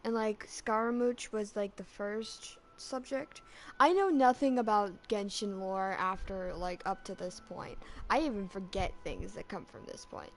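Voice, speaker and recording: A woman chatting casually as a fan vlogger, rambling and excitable with lots of restarts, her voice cracking slightly from being sick. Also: medium pitch, unhurried, faint music behind. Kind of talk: casual chat.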